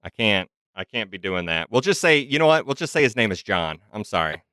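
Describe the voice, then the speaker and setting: A chatty man playing a tabletop game who keeps correcting himself. His voice is bright and smooth, with a low-ish pitch, recorded close and dry. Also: sing-song, a little fast, no echo. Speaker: player.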